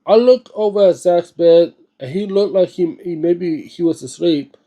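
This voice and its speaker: A man with a notably high voice and a soft, relaxed tone with a dark edge reads a book aloud at a normal speed. He stumbles over words now and then and slips between narration and off-the-cuff, informal reactions like a host.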